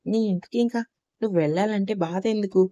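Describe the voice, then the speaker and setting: A woman voicing a caring middle-aged mother who gently advises her daughter in an audio story. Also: mid-range voice, fast talker, dry recording, muffled recording, close to an everyday voice. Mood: tender advice.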